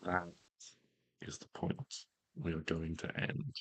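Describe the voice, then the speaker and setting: A man narrating a tabletop fantasy game as game master, in a measured, theatrical storytelling manner. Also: deep voice, sing-song, gravelly, fairly bright tone, slightly rough.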